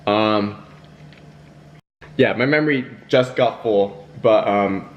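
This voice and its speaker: In a muffled recording, a young man speaks slowly in a fairly low voice as he eats on camera for a mukbang. He chats in a casual, rambling way, laughing between bites and talking to himself, with lots of fillers.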